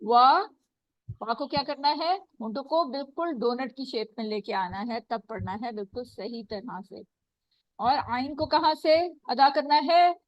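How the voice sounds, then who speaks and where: A woman teaching an online Quran recitation class over a video call, calling on students and modelling recitation slowly. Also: high voice, no room sound. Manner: patient, calls on students, models slow recitation. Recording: dull video call audio.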